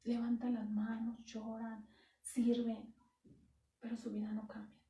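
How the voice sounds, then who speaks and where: Woman pastor, high mellow voice, emphatic sermon delivery, echoey church, distant mic. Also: completely flat delivery, measured pace, highs cut off. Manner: earnest, emphatic teaching, quotes scripture aloud.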